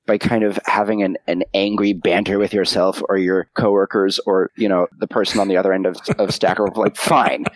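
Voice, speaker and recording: A man talking casually in a roundtable discussion, rambling with many restarts and animated phrasing. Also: sits low, brisk, few pauses, poor audio. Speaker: roundtable guest. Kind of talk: casual chat.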